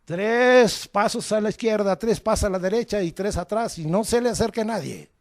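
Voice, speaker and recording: A man's voice: sits high, normal speed. A male preacher, telling dramatic stories in a sermon and acting out the people in them. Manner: dramatic storytelling, acts out voices, shouts at climaxes.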